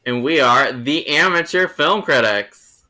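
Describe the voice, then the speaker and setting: A man's voice: on the high side, lively intonation, a little slow, sharp tone. A young man hosting a casual film review, rambling and restarting his sentences. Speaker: host.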